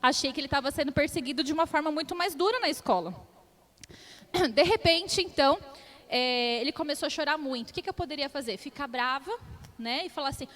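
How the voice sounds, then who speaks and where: A woman's voice: high-pitched, fairly bright tone. A woman in her thirties preaching a conversational sermon, telling family stories and often checking in with the congregation. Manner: storytelling with frequent tag questions to the congregation. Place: church hall. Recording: long church hall reverb.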